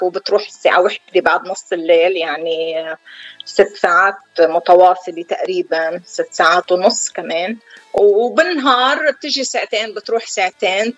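A middle-aged woman with a Lebanese accent, a chef speaking over the phone as a guest on a call-in interview, telling her story calmly and without hurry. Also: mid-range voice, no room sound. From southern Lebanon. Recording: dull phone line.

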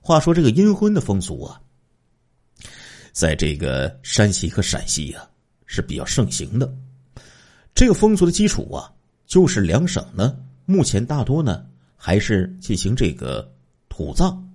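A man's voice: lowish voice, wildly swooping pitch, measured pace, mellow. A man telling a true crime story in a casual spoken style, stretching out sentence-final particles.

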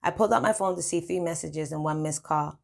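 Low, creaky-voiced woman narrator. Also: fast, darkish tone. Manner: casual, slangy storytelling. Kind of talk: first-person story reading.

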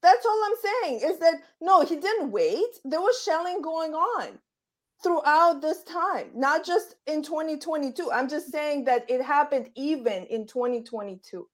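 A woman's voice: high voice, expressive, a little slow. A woman from Belarus debating politics in a heated, insistent way, repeating phrases for emphasis. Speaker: panelist.

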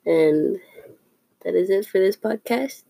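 A young woman explains a math lesson for an informal classroom podcast, working through it slowly and carefully and thinking aloud with small restarts. Her medium-pitched voice is creaky and warm, and a little sniffly and stuffed-up. There's no room sound.

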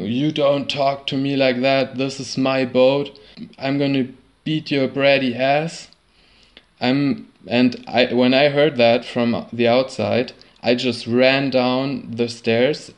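A man telling a personal sailing story in a halting way, often repeating and restarting words. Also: medium pitch. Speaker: sailor recounting a trip.

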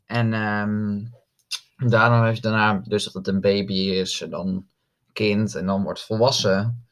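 A young man talks in a casual podcast chat. His voice sits fairly low. He keeps stopping to restart his sentences and fills the gaps with hesitations. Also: steady tone, a bit bright. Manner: halting, many fillers and restarts. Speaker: podcast co-host.

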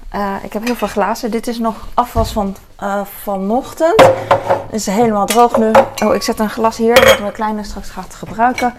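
A woman's voice: on the high side, steady tone, normal speed, heavy background noise. Chatty woman among clattering dishes. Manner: chatty, rambling with many fillers. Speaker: vlogger. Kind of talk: casual vlog chat. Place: home kitchen. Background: clinking dishes and cutlery.

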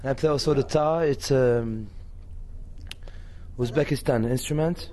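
A man's voice: medium pitch, a little slow. A man from Reunion Island, a singer and guitarist, talking in an easygoing way with many "you know"s. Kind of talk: casual interview chat. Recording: loud music behind.

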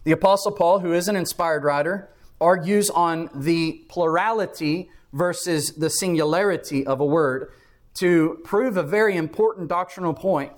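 A man's voice: on the high side, normal speed. A man preaching a Bible class sermon, explaining step by step and repeating key phrases for emphasis.

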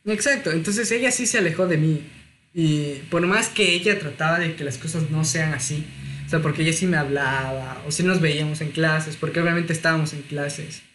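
A man, telling a personal story in casual chat, lively and self-mocking. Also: a little high, normal speed, slight background noise. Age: 20s.

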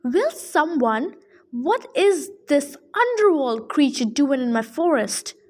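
A woman's voice: sits high, very animated, slow pace, a little mellow, full character voice. A woman voicing a fat old male satyr who is pompous, fussy and easily frightened, stammering when nervous. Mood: indignant.

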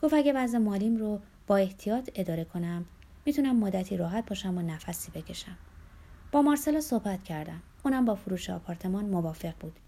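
A woman reading a first-person novel aloud in a measured storytelling manner. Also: mid-range voice, lively intonation, dark tone. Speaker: audiobook narrator. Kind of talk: scripted first-person narration.

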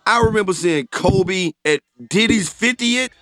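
Animated man co-hosting a podcast. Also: high voice, unhurried, no echo, soft background music. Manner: animated storyteller, joking. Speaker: podcast co-host. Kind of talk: casual podcast chat.

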